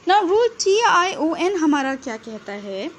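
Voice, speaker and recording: High, lively Indian woman teaching slowly. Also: a little hiss or hum. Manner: mixes Hindi and English, asks and answers own questions. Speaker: English teacher. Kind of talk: pronunciation lesson.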